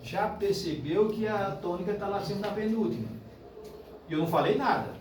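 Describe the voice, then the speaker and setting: Brazilian man, lively teacher drilling pronunciation; room echo, distant mic, faint hiss. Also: high voice, normal speed. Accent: Brazilian Portuguese. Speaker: Esperanto teacher. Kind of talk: classroom demonstration lesson. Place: club meeting room with audience. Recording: echoey room from far off.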